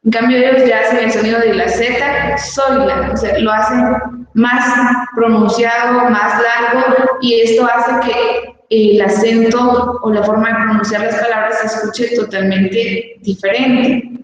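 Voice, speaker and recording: A woman's voice: fairly high pitch, steady tone, unhurried. A woman teacher with a Guatemalan Spanish accent, explaining a lesson patiently and rephrasing each point. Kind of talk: recorded class lesson. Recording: echoey long reverb, far from mic.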